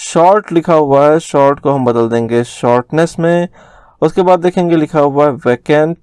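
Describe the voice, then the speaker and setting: A young man teaching grammar in a recorded lesson, slowly spelling out words letter by letter. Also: fairly high pitch, clear, resonant tone, dry recording, studio quality.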